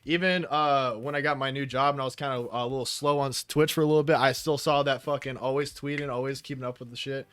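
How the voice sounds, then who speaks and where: A man's voice: medium pitch, steady tone, quick pace, few pauses, fairly bright tone, clear, resonant tone, dry recording. A man hosting a casual podcast interview, speaking in an informal, slangy, enthusiastic way with plenty of swearing. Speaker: podcast host.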